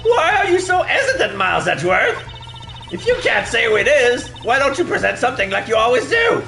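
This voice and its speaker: A man voicing a brash, wolfish, theatrical investigator in a video game, taunting and excitable. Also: very high voice, a little fast, gravelly, echoey room, faint music behind, voice pushed up, exaggerated voice. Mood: mocking.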